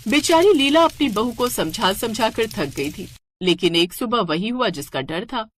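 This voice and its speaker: A woman telling a cartoon moral story in steady storybook narration. Her voice sits somewhat high. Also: moderate pace, slight background noise.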